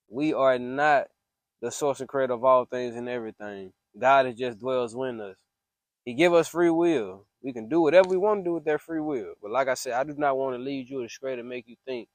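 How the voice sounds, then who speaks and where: This voice memo features a mid-range man talking fairly quickly about his faith, part venting and part testimony. He's casual yet emphatic, slangy and earnestly preachy, and the recording is close and dry.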